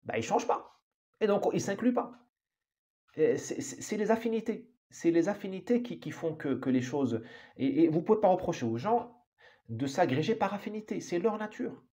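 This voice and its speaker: A man's voice: high-pitched, big pitch swings, moderate pace, mellow. A man giving an opinionated monologue as an author, emphatic and full of restarts and repeated words. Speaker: author commenting on society.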